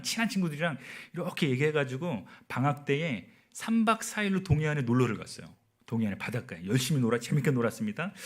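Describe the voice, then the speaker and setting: Husky guy in his 40s preaching, voice swings up and down a lot, keeps asking the crowd stuff. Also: medium pitch. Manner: storytelling, often asking the audience questions. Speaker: missionary preacher. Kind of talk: sermon at a prayer meeting.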